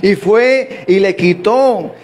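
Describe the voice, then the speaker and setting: Male preacher, high-pitched, sermon delivery, halting restarts and rhetorical questions. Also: darkish tone.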